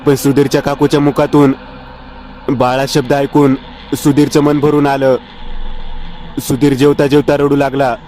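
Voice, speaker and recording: A man narrating a scripted horror story in a steady, measured reading. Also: mid-range voice, a little hiss or hum.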